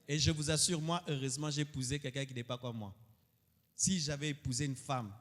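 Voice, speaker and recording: A male pastor preaching a sermon, moving between loud, high outbursts and quiet asides. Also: fairly even intonation, brisk. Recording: long hall reverb.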